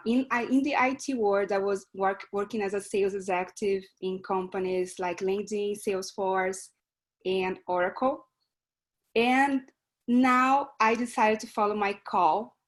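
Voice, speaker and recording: Over a video call in an online meeting, a Brazilian club member introduces herself earnestly and a little hesitantly. She speaks with a Brazilian Portuguese accent in a medium-pitched voice.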